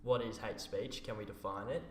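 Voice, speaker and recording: A man's voice: on the low side, fairly even intonation, moderate pace. A man co-hosting a podcast, drily steering the talk along. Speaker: podcast co-host. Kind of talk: casual chat. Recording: distant mic, echoey, noisy room.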